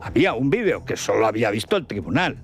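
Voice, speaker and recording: Gravelly scornful radio host, lively pitch. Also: male voice, quick pace, faint music behind. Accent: Spain Spanish. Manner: scornful, combative, rhetorical questions. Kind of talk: opinion monologue.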